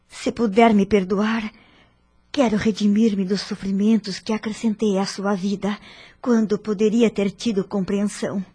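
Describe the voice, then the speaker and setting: In a radio drama, an actress with a Brazilian accent plays a dignified, forgiving middle-aged wife, delivering her lines earnestly and formally. Her female voice is mid-range, husky, and a little mellow.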